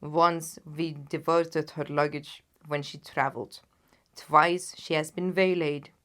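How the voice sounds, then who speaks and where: A woman's voice: sits low, steady tone, slow pace, a bit bright. A woman voicing a haughty, anxious king in a storybook, speaking in a solemn and emphatic way. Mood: indignant, grave. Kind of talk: dramatised audiobook reading.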